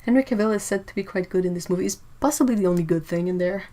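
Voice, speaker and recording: A woman hosts a relaxed livestream, chatting freely and responding to viewers' messages. Her voice sits at an ordinary middle pitch, and her easy talk is often broken by laughter. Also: very fast, rough recording. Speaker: livestream host. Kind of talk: casual livestream chat.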